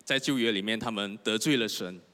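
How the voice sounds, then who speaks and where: Young male preacher, earnest testimony, bright voice, big church reverb. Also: lowish voice, a little fast. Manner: earnest, repetitive, asks the congregation questions. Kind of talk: sermon with personal testimony. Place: church hall. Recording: long hall reverb.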